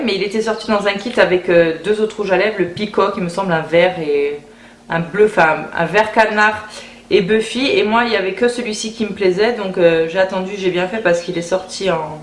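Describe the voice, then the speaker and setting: A woman chatting casually through a beauty haul video, often repeating words as she thinks aloud. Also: mid-range voice. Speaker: beauty vlogger. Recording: roomy echo, faint background hiss.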